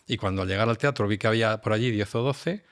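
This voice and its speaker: A man's voice: fairly low pitch, fast. A man, a scientist and university lecturer, reflectively telling personal stories as a podcast guest. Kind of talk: casual podcast conversation.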